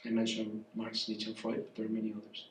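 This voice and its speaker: A guest professor with a Spanish accent speaks haltingly and apologetically in a public conversation at a café, searching for words as he reflects in a lecture-like way. His voice is soft, weak, congested, fairly low, and completely flat. He is recorded from a distance in an echoey room, with slight background noise.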